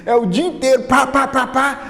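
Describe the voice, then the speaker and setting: A man's voice: high voice, fairly quick, darkish tone, in a large hall, close to an everyday voice. A man doing an exasperated mother. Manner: complaining, listing everything tried. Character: exasperated mother at her wits' end.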